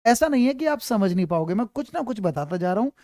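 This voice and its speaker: In an online lecture, a high-voiced man with big pitch swings and a slightly mellow tone teaches grammar quickly. He repeats points, keeps checking his students follow, and reassures them by calling them "beta." The studio-quality recording has no echo.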